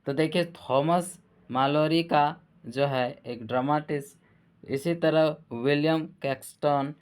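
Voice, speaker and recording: Male coaching teacher, unhurried and clear, repeats names. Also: fairly high pitch. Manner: slow, repeats and corrects names as he goes. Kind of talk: lecture to students.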